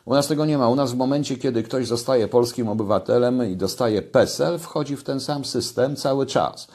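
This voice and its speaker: Chatting casually to camera in his home kitchen, an older man speaks at a medium pitch and normal speed with a slightly mellow, husky voice. He gets louder when making key points, and a desk webcam picks up the sound.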